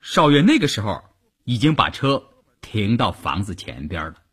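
A man narrating a story for a storytelling broadcast in a slow, expressive way. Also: on the low side, slightly rough.

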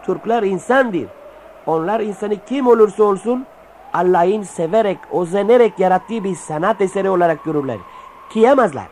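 An actor playing a grumbling, cynical old-world soldier in a radio play, talking in a colloquial way. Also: male voice, sits high, moderate pace, darkish tone, slight background noise, close to an everyday voice. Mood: gossipy, awed. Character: grumbling, cynical Byzantine soldier who admires the enemy.

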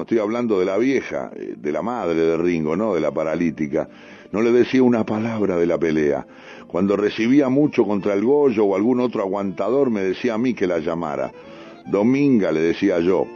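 A man's voice: low-pitched, dark tone. A middle-aged man with a Rioplatense accent telling a rambling, streetwise story and acting out the dialogue himself. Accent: Rioplatense Spanish. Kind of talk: spoken storytelling monologue. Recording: dull lo-fi recording with faint music.

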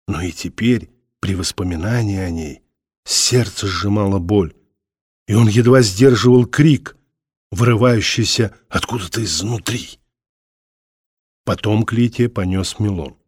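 A man reading an audiobook in a measured, dramatic manner. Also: on the low side, darkish tone, breathy edge, no room sound, studio quality. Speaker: audiobook narrator. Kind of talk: scripted narration.

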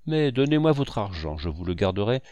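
A man's voice: lowish voice, sing-song, fairly quick, darkish tone, no room sound, muffled recording. A man voicing a kind, charitable old village woman in a storybook reading. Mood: kindly.

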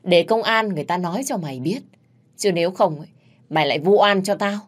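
Woman playing a hot-tempered servant girl, rough threats, quick, lower voice. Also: expressive. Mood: mocking threats.

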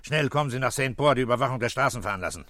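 An actor playing a gruff, middle-aged police commissioner with a brusque, authoritative manner in a 1960s German radio play. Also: male voice, mid-range voice, expressive, rapid-fire, a bit bright, lightly acted. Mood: irritated, urgent.

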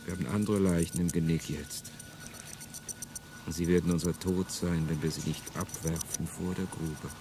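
Deep and steady, this male voice moves at normal speed against a noisy background. In a classic radio drama, an actor plays an embittered revolutionary, brooding and then swelling into bitter outbursts, with music behind him.

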